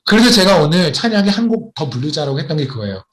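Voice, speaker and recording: A male missionary delivers a sermon in a voice pitched a little high. His intonation rises and falls widely as he moves from a personal story to pointed questions. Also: sing-song, fast talker, a bit bright. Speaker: missionary preacher.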